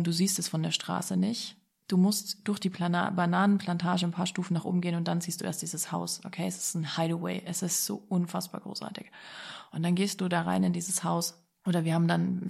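A woman telling a personal story in a casual, excited way, dropping English phrases into her talk. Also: on the low side, vocal fry.

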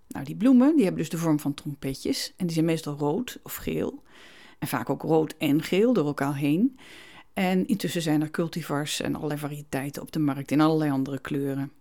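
A woman hosts her gardening podcast from a home studio, chatting casually and often pausing or starting her sentences over. Her voice sits fairly low with a mellow, relaxed tone. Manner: chatty, frequent hesitations and restarts. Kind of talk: casual storytelling monologue. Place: home studio with cats around.

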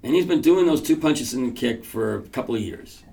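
A man's voice: medium pitch, animated, fairly quick, vocal fry, dark tone. A man teaching his martial arts students, talking emphatically and acting out quoted voices in bursts. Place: training school room.

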